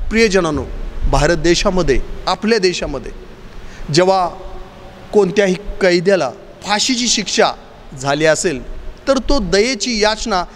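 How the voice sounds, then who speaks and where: A man's voice: high voice, lively intonation, unhurried, slight background noise. A man preaching a sermon in a church, using repeated, emphatic pleading refrains. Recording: long church reverb.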